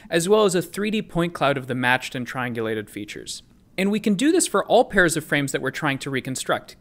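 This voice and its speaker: A man's voice: a little high, fairly bright tone. A young man presenting his research paper in a recorded conference talk, explaining step by step and answering his own questions.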